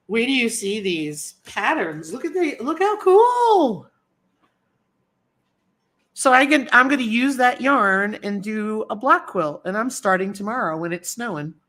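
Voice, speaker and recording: Her voice sits at medium pitch with a fairly bright tone as she runs a laid-back livestream. She greets people in the chat by name, sniffling a little from a cold.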